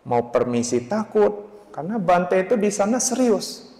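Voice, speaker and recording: A man's voice: sits high, big pitch swings, measured pace, warm tone. A man giving a Buddhist dharma talk in a meditation centre hall, in a chatty, anecdotal way, acting out the voices of the people in his story. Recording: echoey hall with long reverb.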